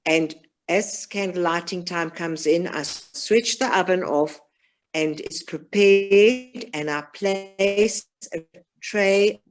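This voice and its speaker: A woman asking a question in an online class, her voice glitching and breaking up over a bad internet connection, so she talks haltingly and restarts. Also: lowish voice. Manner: halting, repeats and restarts as the line drops. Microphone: video call.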